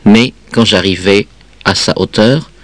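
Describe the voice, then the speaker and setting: A man reading a children's story aloud in an expressive, measured way. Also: fairly low pitch, no echo. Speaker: reader.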